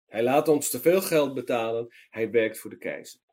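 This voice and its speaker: A man's voice: medium pitch, normal speed, a little mellow, lightly acted. A man voicing an indignant, complaining townsperson in a storybook reading. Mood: scornful. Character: resentful townsperson, grumbling.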